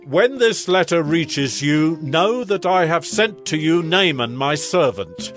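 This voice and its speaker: A man doing a stately king in a scripture reading, slightly high and measured as he gives orders. Soft music runs underneath. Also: very animated, exaggerated voice.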